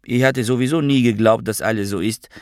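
A man's voice: medium pitch, brisk, a little mellow, no echo, clean studio sound, voice pushed up, close to an everyday voice. A man voicing Serafina, a sarcastic raised-voice woman. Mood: mocking. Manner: sarcastic, needling. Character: sharp-tongued adult woman, bitter, mocking. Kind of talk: audiobook character voice.

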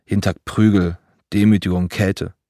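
A man's voice: deep voice, little pitch movement, moderate pace, mellow, no room sound, studio quality. A man voicing a hardened old grandfather who grumbles blunt, cynical words. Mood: gruff. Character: gruff hardened old grandfather, army veteran.

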